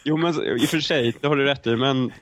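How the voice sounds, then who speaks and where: A young man co-hosting a casual film review chat, talking in long, winding, hesitant turns. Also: mid-range voice. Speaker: film podcast co-host.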